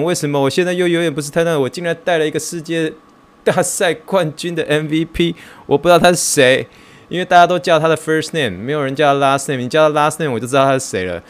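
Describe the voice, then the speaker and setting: A man hosting a podcast, talking in a casual, excitable and self-mocking way, mixing in English words. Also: on the high side. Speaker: podcast host.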